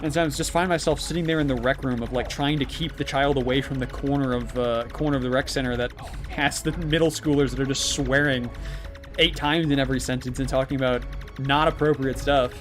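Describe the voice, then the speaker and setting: A man's voice: medium pitch, steady tone, fairly quick, a bit bright, soft background music. A man livestreaming while he plays, chatting casually with many fillers, restarts and chuckles, over a gaming stream.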